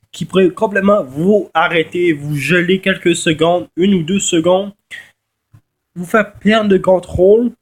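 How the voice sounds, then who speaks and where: A high-pitched man with a Québécois accent talks through a casual game tutorial at a slow pace. His nose is stuffed with a cold, so he sounds nasal. He speaks haltingly, often doubling back to correct his words. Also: husky. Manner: halting, repeats and corrects himself. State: congested with a head cold. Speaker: gaming video host.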